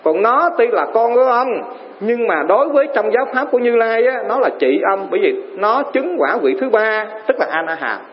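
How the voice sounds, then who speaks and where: A man voicing the Buddha as a calm, wise teacher, speaking measured and solemn. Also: very high-pitched. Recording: reverberant hall, dull lo-fi sound.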